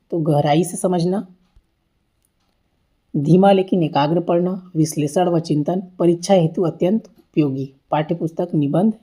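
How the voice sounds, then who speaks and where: Low-voiced woman teaching a lecture. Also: dark tone, slightly rough. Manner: asks and answers her own questions, repeats key points. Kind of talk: exam-prep lecture over slides.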